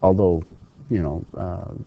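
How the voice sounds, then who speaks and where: Slow gravelly male English teacher. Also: sits low, fairly even intonation. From Saudi Arabia. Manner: switches between English and Arabic, slow drilled example sentences. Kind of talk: distance-learning lecture. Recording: dull lo-fi lecture recording.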